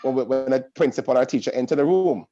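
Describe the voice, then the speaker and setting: A man's voice: mid-range voice, quick pace, dark tone, lo-fi sound. A middle-aged man, a school principal giving an earnest, reassuring welcome speech to parents over a video call, often repeating and restating himself as a preacher would. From Jamaica.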